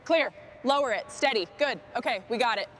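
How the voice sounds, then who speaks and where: With slight background noise, a machine restorer narrates her work briefly and gives the crew clipped instructions. Her voice is fairly high and a little fast.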